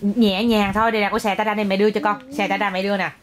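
A woman's voice: mid-range voice, flat delivery, racing, slight background noise. A young woman at home talking to her small child, coaxing and scolding as a mother. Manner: coaxing, scolding and exclaiming at a toddler. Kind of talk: casual home video.

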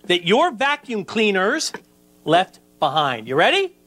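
Animated middle-aged male infomercial presenter. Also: sits high, a little slow, background noise. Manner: emphatic, punchy repetition. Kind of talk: demonstration sales pitch. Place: furnished living room indoors.

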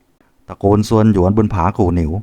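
A man's voice: sits low, normal speed, dry recording, close to an everyday voice. A man voicing a teasing young lord. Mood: curious. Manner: relaxed, smiling questions. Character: handsome young nobleman, easygoing and teasing.

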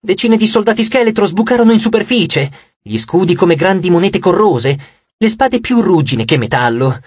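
A man's voice: sits high, sing-song, normal speed, breathy edge, no room sound, highs cut off. A man narrating an audiobook with dramatic, scripted storytelling.

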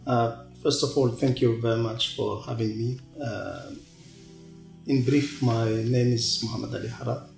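A middle-aged man from Tunisia, a guest in a sit-down interview, speaking in a measured way with pauses and restarts. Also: medium pitch, fairly even intonation, vocal fry, darkish tone. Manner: measured, pausing speech with repeated restarts. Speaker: guest, TV channel executive. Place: large open-plan office. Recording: roomy echo, faint music behind.

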